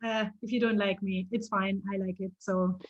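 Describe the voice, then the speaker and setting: A woman from East Germany, a photographer, telling stories in a casual interview with lively restarts and laughter. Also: mid-range voice, normal speed, highs cut off. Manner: animated storytelling, frequent restarts and laughs.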